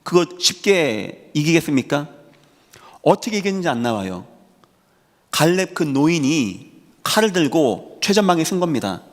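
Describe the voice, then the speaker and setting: A male pastor delivering a sermon, preaching emphatically and swinging between loud high bursts and quiet low lines. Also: big pitch swings, moderate pace. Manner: emphatic preaching with sudden rises and drops in pitch and volume. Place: church sanctuary. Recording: long hall reverb in a church sanctuary.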